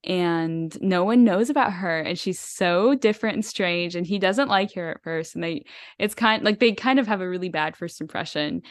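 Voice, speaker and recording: Low-voiced woman gushing about books. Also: normal speed, no echo. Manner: enthusiastic, rambling, frequent fillers and laughs. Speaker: podcast co-host. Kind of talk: casual book chat.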